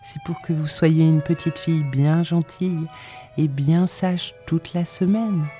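Stout, pompous middle-aged man, voiced by a woman reader; hushed, fawning, sharp when angered. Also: low-pitched, steady tone, a little slow, soft background music. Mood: hushed wheedling. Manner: hushed wheedling, turning to sharp scolding.

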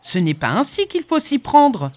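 A woman reading a stout, patient old male blacksmith mentor in a calm, instructive, firm storybook voice. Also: fairly high pitch, moderate pace, pitched above the performer's own voice.

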